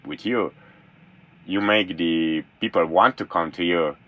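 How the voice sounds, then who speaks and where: This young Slovenian, a non-native speaker and former college thrower, chats enthusiastically as a guest in a casual interview from a small room in his camper van. His voice is low-pitched and a little slow, the highs cut off, and he often restarts his sentences.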